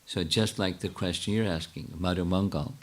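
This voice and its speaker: An older man, a spiritual teacher, answering questions in a lecture with a halting, thinking-aloud manner full of restarts. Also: deep voice.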